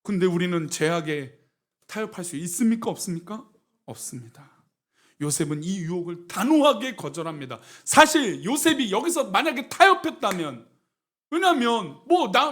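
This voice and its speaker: A middle-aged male pastor preaching a sermon, reading scripture aloud and asking the congregation questions he then answers himself. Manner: reads scripture aloud after calling out "시작"; shifts between loud emphatic lines and quiet low endings.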